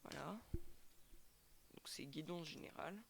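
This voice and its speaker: A man's voice: on the high side, unhurried, creaky, fairly bright tone, a little hiss or hum. A man doing a casual tarot reading to a webcam with a microphone, stumbling and repeating words often. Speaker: tarot reader and channel host.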